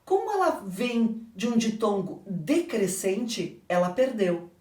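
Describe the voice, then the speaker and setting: A woman's voice: mid-range voice, very animated, slow pace, darkish tone. A woman teacher with a Brazilian Portuguese accent, correcting an exam in a didactic way and asking and answering her own questions. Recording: echoey room, voice from a distance.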